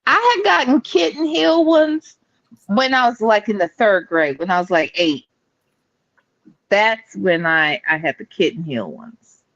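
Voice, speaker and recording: A woman co-hosting a casual chat over a thin, tinny phone line with no bass. She is playful and laughs often. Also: lively intonation, a bit bright, dry recording. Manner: playful, laughs often, drawn-out teasing replies. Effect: thin tinny phone-line sound with no bass. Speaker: podcast co-host.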